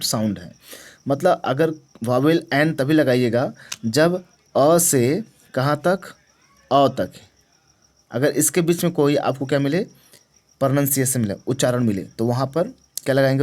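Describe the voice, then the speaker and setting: A man's voice: mid-range voice, darkish tone. A man teaching a grammar lesson, who asks questions and answers them himself, repeats key words and checks that the class understands. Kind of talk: grammar lesson to exam students.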